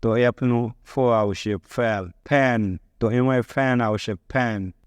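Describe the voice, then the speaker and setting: A man's voice: mid-range voice, slow pace, clear, resonant tone, no echo, studio quality. A man with a Gujarati accent teaching a spoken English lesson, explaining step by step and putting questions to his listeners.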